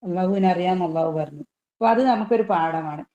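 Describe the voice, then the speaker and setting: A woman teaching a tajweed class, patiently explaining rules and asking students questions, drawing out recited examples slowly. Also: on the low side, warm tone, dull audio.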